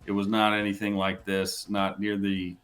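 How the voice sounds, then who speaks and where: A man with a somewhat low voice chats casually as a guest on a college football podcast. He sounds easygoing, chuckles between points and often circles back to restart a phrase. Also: completely flat delivery, normal speed, a bit bright. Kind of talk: casual sports podcast chat.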